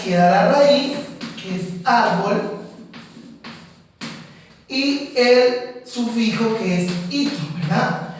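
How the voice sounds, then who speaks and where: Male teacher for a class lesson, slow and deliberate explainer, very echoey room, off-mic. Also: very high-pitched, far from the mic, a little hiss or hum.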